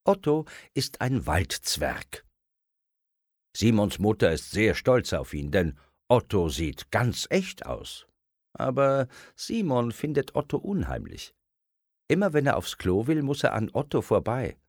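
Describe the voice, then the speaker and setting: A man reading a children's story aloud in an expressive storyteller style. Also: lowish voice, a little slow, dry recording, studio quality. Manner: expressive, acts out voices.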